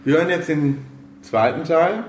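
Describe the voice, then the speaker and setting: A man hosting a podcast in a casual, halting way, thinking aloud as he chats. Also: on the high side. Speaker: podcast host. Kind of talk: casual chat. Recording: roomy echo, faint background noise.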